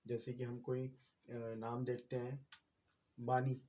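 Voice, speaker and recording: A man's voice: mid-range voice, little pitch movement, slow pace, mellow. A man, patiently explaining a writing lesson as a teacher, with many fillers and repeated checks.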